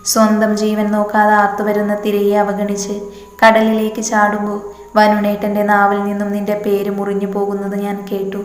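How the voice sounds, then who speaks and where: Woman reading caring older sister-in-law, storybook, earnest, confiding, monotone, echoey reverb. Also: mid-range voice, lightly acted. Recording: echoey room with long reverb.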